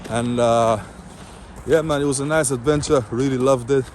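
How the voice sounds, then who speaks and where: On a cold city street with traffic roaring around him, a man vlogs his travels while walking, chatting to viewers and interviewing locals in a friendly way. His mid-range voice sounds a little mellow, with fairly even intonation and normal pacing.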